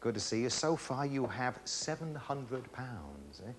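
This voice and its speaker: A man's voice: medium pitch, very animated, measured pace. Middle aged guy hosting a tv quiz, bantering, voice swoops about, slightly noisy old recording. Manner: chatty and teasing. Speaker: game show host. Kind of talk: bantering game show presenting. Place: television studio.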